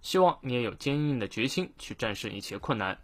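A man hosting a short daily English lesson, explaining a quote word by word and slowing down to model its pronunciation. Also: medium pitch, lively intonation, fairly bright tone. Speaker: English teacher, host of a daily morning reading show.

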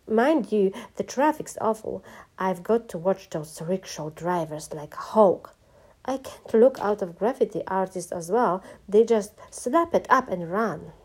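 A woman's voice: medium pitch, expressive, a little slow, a little mellow, husky. A woman voicing a cheeky, scheming young boy servant who talks breezily. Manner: breezy, cheeky, innocent-sounding.

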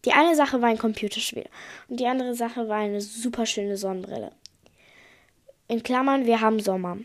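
High-voiced woman reading her story aloud. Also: moderate pace, no room sound. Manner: stumbles and corrects herself mid-sentence. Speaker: podcast host reading her own story. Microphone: voice message recording.

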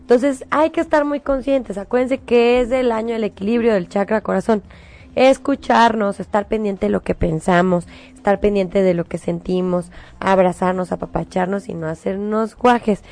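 A middle-aged Mexican woman, a show host, giving spiritual advice in a coaxing, animated way. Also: medium pitch, normal speed. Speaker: host giving angel predictions.

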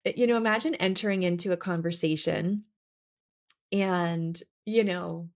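A woman co-hosting a podcast and working as a coach, talking in a reflective, halting way with many fillers. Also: lowish voice, fairly even intonation. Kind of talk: casual podcast conversation.

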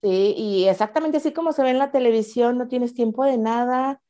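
A high-pitched Mexican woman in middle age speaks with a Mexican accent. She is a guest on a casual interview and gets very animated, acting out dialogue with laughter. Her voice has a mellow, dark tone. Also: fairly quick. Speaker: guest, MasterChef contestant.

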